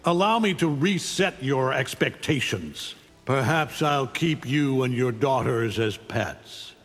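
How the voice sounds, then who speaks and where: In fight-intro taunts for a video game, a man voices a middle-aged superhuman father who is an arrogant, menacing alien conqueror, sounding contemptuous, mocking and coldly commanding. His mid-range voice is expressive and fairly bright, delivered slowly with a long reverb tail.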